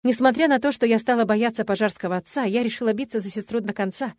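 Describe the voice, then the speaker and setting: A woman reading a first-person story in an even, expressive voice. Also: fairly high pitch, quick pace, no echo. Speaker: audiobook reader. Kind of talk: first-person audiobook narration.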